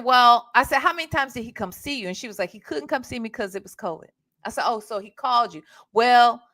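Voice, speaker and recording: An American woman hosts a casual live reaction show, commenting as the chat rolls in. Her voice is a little high and a bit bright, and she's blunt, sassy and profane, firing off emphatic rhetorical questions.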